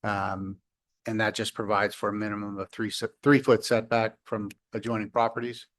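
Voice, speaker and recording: A man's voice: on the low side, little pitch movement, moderate pace, a bit bright. A man on city staff patiently explaining an ordinance at a public council meeting, with some ums. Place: council chamber.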